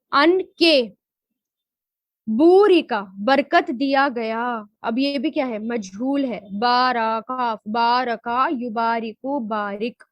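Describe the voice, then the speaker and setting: Teaching Quran grammar and tafseer, a high-voiced woman asks questions and then answers them herself. She slows to spell out Arabic word forms, and the audio is dull, with no room sound.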